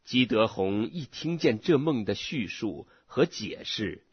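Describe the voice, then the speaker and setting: A low-voiced man reads scripture slowly and deliberately, his husky voice rising and falling in lively swings of pitch. The recording is dry and close, with a dull lo-fi sound. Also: no room sound. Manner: slow, measured reading. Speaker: scripture reader. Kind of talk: scripture reading.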